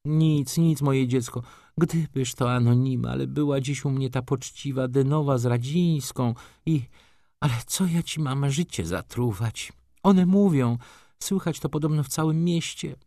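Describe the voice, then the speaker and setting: A man's voice: medium pitch, measured pace, creaky, warm tone, no room sound, clean studio sound, pitched above the performer's own voice. A man voicing an elderly, anxious, pious mother in an audiobook reading, fretful and pleading.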